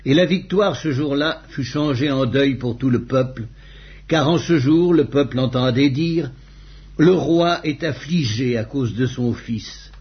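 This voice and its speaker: A man reading scripture aloud with measured, solemn delivery and a husky voice. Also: a little high. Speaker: scripture reader. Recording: dull lo-fi recording.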